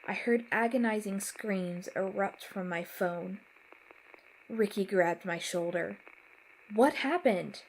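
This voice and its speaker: Casting: woman narrator for a creepy first-person story, slow and measured, faint hiss. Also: mid-range voice, steady tone, poor audio. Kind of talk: scripted horror narration.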